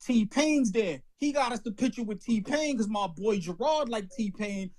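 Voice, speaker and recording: A man co-hosting a podcast, telling an anecdote in an animated, profane, casual way. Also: sits high, measured pace. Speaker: podcast co-host. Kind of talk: casual storytelling chat.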